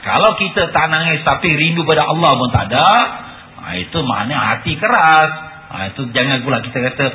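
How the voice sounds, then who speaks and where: A male religious teacher with a Malaysian Malay accent preaches a sermon at a mid-range pitch, easy and gentle, often sinking into a hush and leaning on "ha" and "ya" fillers. The recording sounds thin and phone-like, with a faint ambient hiss behind him. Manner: gentle, with lots of "ha" and "ya" fillers and hushed, drawn-out words.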